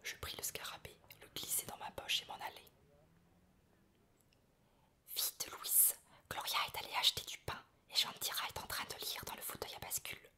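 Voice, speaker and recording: A woman reading a novel aloud in a soft, breathy ASMR whisper, in a slow storytelling manner. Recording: piano music behind the whisper. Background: piano music.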